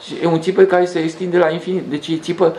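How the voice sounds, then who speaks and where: A man's voice: fairly high pitch, flat delivery, warm tone. A man hosting a rambling spiritual monologue, talking conversationally with frequent restarts and hesitations. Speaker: host. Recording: echoey room with faint background noise.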